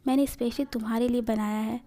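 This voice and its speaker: Brief: a woman reading a firm, possessive young husband, pitched a bit high, mellow. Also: fairly even intonation, quick pace, close to an everyday voice. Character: young man, anxious, devoted husband.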